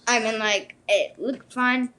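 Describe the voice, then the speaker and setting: A woman's voice: a little high, slow pace, sharp tone. A woman co-hosting a casual travel chat, talking loosely with lots of filler words like "like" and "literally". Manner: casual, uses "like" and "literally" a lot. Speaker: co-host.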